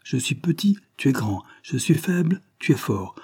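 This is a shrewd, orderly police agent in a spoken storybook, voiced by a man reading. He talks in a cool, lecturing way. His voice is mellow and a little husky. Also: mid-range voice, very animated, normal speed, voice pushed up. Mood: reproachful.

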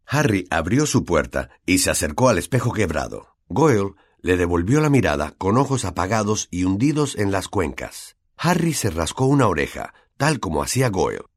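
A man with a Latin American accent, reading an audiobook as an expressive storyteller. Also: low-pitched, normal speed, hardly any pauses, dry recording, clean studio sound. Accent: Latin American Spanish. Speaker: audiobook narrator. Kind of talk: scripted narration.

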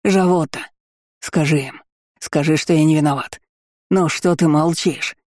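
A man voicing a hysterical male shopkeeper who begs and sobs after being caught in a lie, shrill and pleading. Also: steady tone, a little slow, darkish tone, no echo, clean studio sound, close to an everyday voice. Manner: shrill and sobbing.

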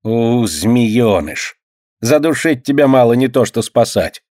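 A man's voice: high-pitched, expressive, normal speed, no room sound, clean studio sound, voice pushed up. A man voicing an angry middle-aged village laundrywoman who scolds shrilly and hisses. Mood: spiteful.

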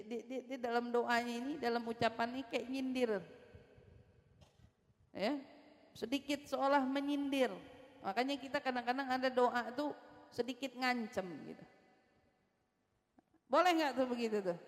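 A woman religious teacher gives a study lecture in a high, bright voice. She retells prayers with drama and switches between Arabic recitation and casual asides. Her voice trails off in a long hall reverb. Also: unhurried, long pauses.

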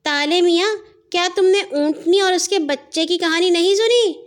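A woman voicing a gentle, wise female key in a children's audio story, patiently explaining. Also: very high-pitched, pitched above the performer's own voice. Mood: coaxing.

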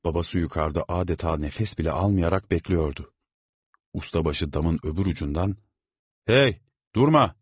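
A man narrating an audiobook in a measured, steady reading. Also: sits low, slightly rough, no room sound, studio quality. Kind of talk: scripted narration.

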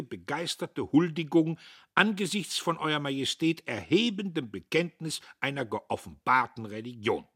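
A man's voice: fairly high pitch, a bit bright, voice pushed up. Man doing a crowing, pompous official. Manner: pompous, declaiming. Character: crowing, pompous male prosecutor.

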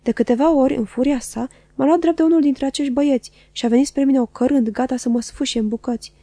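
A woman reading a classic novel aloud in a measured, even narration. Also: high-pitched, no room sound. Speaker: audiobook reader. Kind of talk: scripted literary narration.

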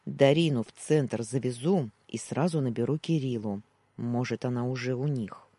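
A man voicing a blunt, gruff male friend who scolds curtly in an audiobook. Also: mid-range voice, normal speed, dark tone, dry recording, natural voice. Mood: scolding. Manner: curt, scolding.

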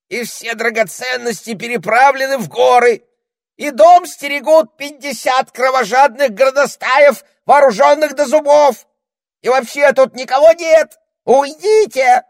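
A pompous ermine duke. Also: male voice, high voice, dry recording, clean studio sound, voice pushed up, exaggerated voice. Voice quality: piercing squeal, shouting. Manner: theatrical, self-important. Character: shrill fussy male ermine duke, pompous and blustering. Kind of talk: audiobook character voice.

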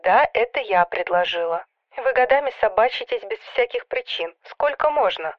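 A woman reading an audiobook voices the heroine's anxious sister, soft, coaxing and a little whiny. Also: a little high, animated, moderate pace, dry recording, muffled recording, lightly acted. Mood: pleading. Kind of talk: audiobook character voice.

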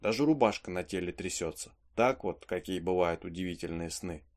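A man's voice: sits low, a little fast, voice pushed down, lightly acted. A man reading aloud as a superstitious peasant servant, spinning a folksy tale full of asides. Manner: chatty folksy storytelling with asides. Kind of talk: audiobook reading of a play.

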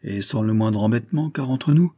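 A man playing a gruff mocking sea skipper. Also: mid-range voice, normal speed, mellow, dry recording, studio quality, natural voice. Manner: gruff, teasing, then urgent. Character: gruff mocking middle-aged ship skipper.

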